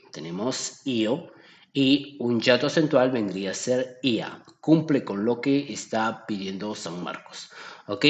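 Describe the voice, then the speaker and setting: A man's voice: mid-range voice, darkish tone, echoey room. A man tutoring through exam solutions, explaining step by step and often checking in with the listener. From Peru.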